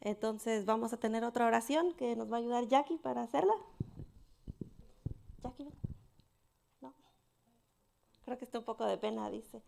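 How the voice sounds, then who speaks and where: Woman, gravelly, slightly high voice, children's Bible story at church, gentle and halting. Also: a little hiss or hum. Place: church sanctuary.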